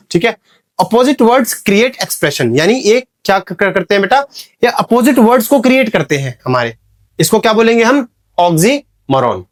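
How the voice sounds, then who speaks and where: A man teaching English grammar in an exam-prep lesson. He asks the students questions and answers them himself, and he reads the examples slowly while sounding out the letters. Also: high-pitched. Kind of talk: exam-prep classroom lecture.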